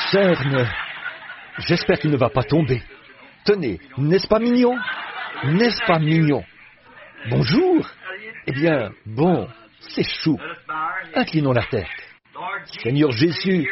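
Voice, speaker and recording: An older man preaches to a church crowd in a folksy, joking manner, his voice rising and falling with real liveliness. The sound is muffled and dull, like an old tape, and the congregation is audible behind him. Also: a little high. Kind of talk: sermon. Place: church platform before a congregation. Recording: muffled old recording, audience heard.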